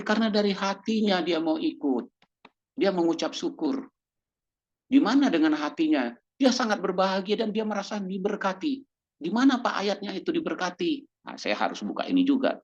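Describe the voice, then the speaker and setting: A man preaching a sermon who acts out little dialogues as he goes. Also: sits high. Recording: dull lo-fi recording.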